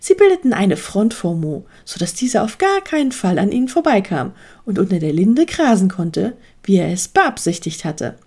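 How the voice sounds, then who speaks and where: A woman narrating a children's story aloud with expressive, lively delivery. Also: mid-range voice, moderate pace.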